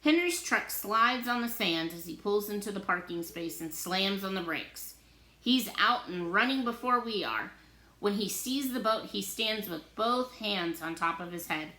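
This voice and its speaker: A woman, a teacher, reading a novel aloud in an expressive storybook manner, in a roomy-sounding recording. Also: mid-range voice, a little slow. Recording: roomy echo.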